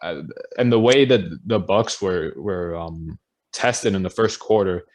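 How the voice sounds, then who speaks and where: Hesitant young man, lowish voice. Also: unhurried. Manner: hesitant, lots of fillers and restarts. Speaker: podcast co-host. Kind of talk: casual chat.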